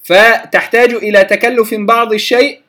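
Male recitation teacher, high voice, patient lecture pace, drills letter sounds by repetition. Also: fairly even intonation, pushed and bright. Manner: demonstrates sounds by repeating them slowly, contrasting wrong and right.

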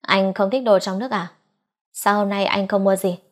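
A woman's voice: medium pitch, steady tone, normal speed. Woman narrating a romance audiobook. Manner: reads all characters' dialogue in a near-normal voice. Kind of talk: scripted narration of a romance novel.

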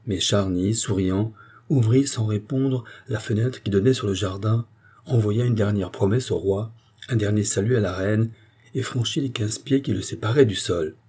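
A man reading a classic novel aloud in a measured, literary narration. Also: fairly low pitch, mellow, breathy edge. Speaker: audiobook narrator. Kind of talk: scripted narration.

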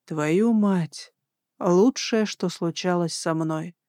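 A narrator voicing a bold, flirtatious male army major in an audiobook, low and teasing. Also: takes it slowly, a little mellow, no room sound, clean studio sound, natural voice. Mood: hushed. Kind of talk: audiobook dialogue.

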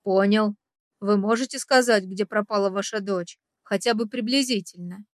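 A woman's voice: medium pitch, normal speed, dry recording, clean studio sound, close to an everyday voice. A woman voicing a stern male security chief who speaks formally and reassuringly in an audiobook. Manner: strict formal address, reassuring.

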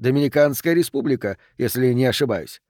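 A man's voice: mid-range voice, a little mellow, no room sound, studio quality, close to an everyday voice. A man doing a suave Southern agent. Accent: American Southern. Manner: unhurried, polished and courteous. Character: calm, refined male federal agent.

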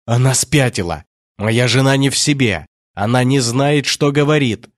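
A man voicing an arrogant count who shouts in contempt and rage while being arrested. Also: mid-range voice, moderate pace, dry recording, clean studio sound, close to an everyday voice. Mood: frantic. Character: arrogant angry male count under arrest.

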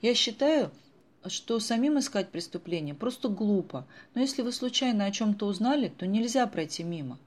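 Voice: medium pitch, expressive, normal speed, pitched above the performer's own voice, lightly acted. A reader voicing an earnest, principled teenage girl in a storybook who talks in a thoughtful, moralizing way.

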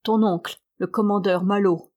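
An earnest young sergeant, full of grief and quick to hope. A woman reads him in a storybook audiobook. The voice stays in a middling pitch. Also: fairly even intonation, a little mellow, close to an everyday voice. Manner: earnest, emotional. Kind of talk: audiobook reading.

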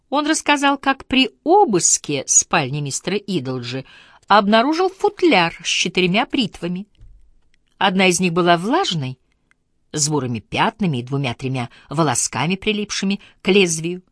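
A woman reads scripted audiobook narration in a measured, expressive way, her voice medium in pitch. The recording is dry and of studio quality.

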